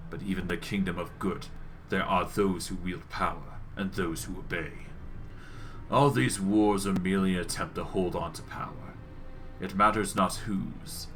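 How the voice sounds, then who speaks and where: Guy doing an old undead lich from a game, real deep n dry, snobby and scornful, faint music behind. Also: steady tone, fairly bright tone. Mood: bitter, disdainful. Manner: pompous, slow-burning disdain, formal diction. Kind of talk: acted reading of video game dialogue.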